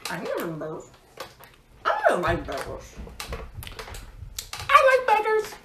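Female co-host, teasing and chatty, higher voice, roomy echo. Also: wildly swooping pitch, a little slow. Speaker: podcast co-host. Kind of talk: casual chat. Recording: echoey room with loud noise.

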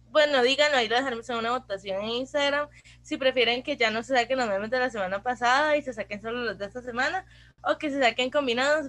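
A young Costa Rican woman chatting on a podcast with a fairly high voice. She tells long, lively stories full of slang and switches into English phrases mid-sentence. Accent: Costa Rican Spanish. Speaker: podcast co-host. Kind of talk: casual chat.

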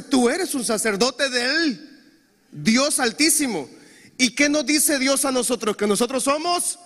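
High bright young preacher in a reverberant hall. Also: male voice. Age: young adult. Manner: animated, engages congregation with call-and-response. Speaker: pastor. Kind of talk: sermon.

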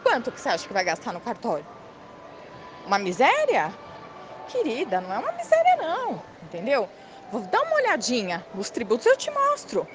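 A woman's voice: on the high side, wildly swooping pitch, normal speed, background noise. A woman with a Brazilian accent, a lawyer, delivering a confrontational monologue in an emphatic, repetitive way and calling a listener by name. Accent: Brazilian Portuguese. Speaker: lawyer handling a family estate.

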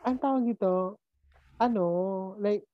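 A woman chatting casually with a friend, teasing and lively. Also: fairly high pitch, unhurried, dry recording, muffled recording. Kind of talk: casual chat.

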